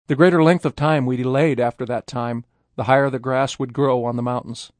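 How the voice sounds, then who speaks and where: An army captain of the early 1800s reads out his expedition journal, acted by a man for a radio documentary. The voice is middle-pitched and scripted, in a very dry recording. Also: steady tone, a little fast, darkish tone, no echo, lightly acted. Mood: measured.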